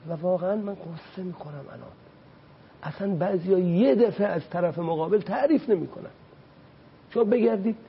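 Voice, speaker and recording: A man speaking as a religious guest on a talk show, preaching with passion and slowly reciting Arabic quotations. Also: sits high, gravelly, lo-fi sound, a little hiss or hum. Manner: impassioned, rises sharply on points.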